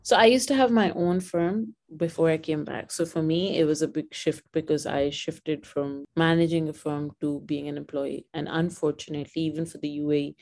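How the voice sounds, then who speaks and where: Mellow-voiced woman guest from Pakistan. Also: low-pitched. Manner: animated, laughing storyteller with frequent restarts. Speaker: podcast guest, lawyer. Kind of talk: conversational interview.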